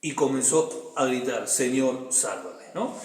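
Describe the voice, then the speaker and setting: A man's voice: a little high, expressive, unhurried. A man with an Argentine accent leading a Bible study as pastor, reading scripture aloud and explaining it in a conversational way. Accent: Argentine Spanish. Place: church hall. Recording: echoey hall, reverberant room.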